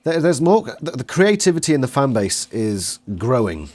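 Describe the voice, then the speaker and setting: A British man in his late twenties, a longtime fan acting as interviewer, chats casually and shares his opinions. He has a medium-pitched, sing-song, slightly mellow voice at normal speed.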